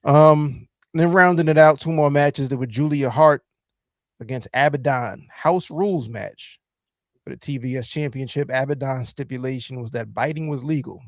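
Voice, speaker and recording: A man's voice: medium pitch, moderate pace, dry recording. Rambling male podcast host, dry sound. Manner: rambling, heavy on fillers. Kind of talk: casual chat.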